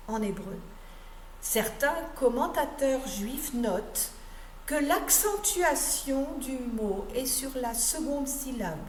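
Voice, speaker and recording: A woman pastor giving a measured meditation on a psalm, stressing key phrases and letting her voice drop at the ends of sentences. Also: sits high, darkish tone. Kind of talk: slow meditative sermon reading. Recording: echoey room with faint background noise.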